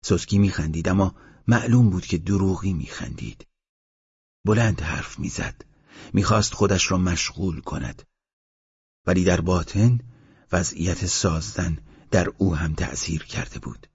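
A man narrating a literary audiobook in a measured, dramatic storytelling manner. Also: low voice, vocal fry, a little mellow, slightly rough, dry recording, highs cut off.

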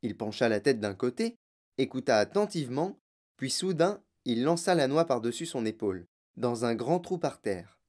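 A woman narrating a children's novel in an expressive storytelling way. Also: rumbling low, moderate pace. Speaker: reader.

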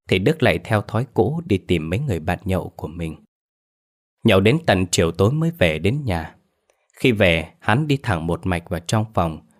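A man narrating a scripted ghost story in a steady, measured way. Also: sits low.

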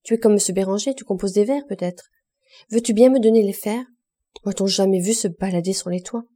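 A woman voicing a hot-tempered working-class male roofer who shouts gruffly across the rooftops in an audiobook. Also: medium pitch, a little fast, close to an everyday voice. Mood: furious.

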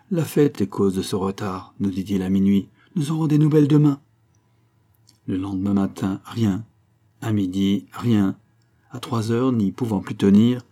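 A male audiobook narrator reading a novel aloud, measured and expressive. His voice sits low with a mellow, dark color and a husky edge.

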